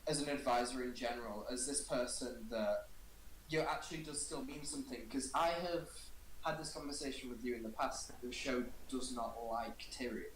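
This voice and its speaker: A man co-hosting a podcast in a casual chat, measured and thinking aloud as he talks. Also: mid-range voice, fairly even intonation. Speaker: podcast co-host. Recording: echoey room with faint hiss.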